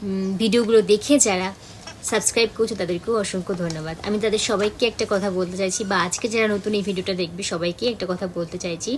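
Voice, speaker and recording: A woman's voice: mid-range voice, slight background noise. A woman, an acting coach giving a pronunciation lesson and repeating example words to show each sound.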